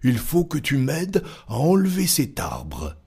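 A man voicing a huge, scornful giant in a storybook reading, speaking slowly and with contempt. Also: medium pitch, wildly swooping pitch, creaky, dark tone, husky, pitched above the performer's own voice, heavily acted. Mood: grudging. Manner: slow, contemptuous and heavy.

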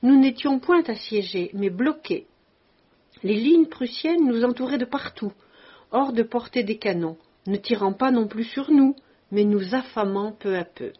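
A woman voicing a composed, stern but kindly male army commandant who tells his story in a measured way, on a dull lo-fi recording. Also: a little high, animated, husky.

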